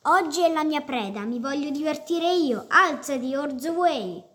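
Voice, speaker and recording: A woman voicing a cruel young bully boy who shouts gloating taunts, in a storybook reading. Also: high voice, lively intonation, normal speed, voice pushed up.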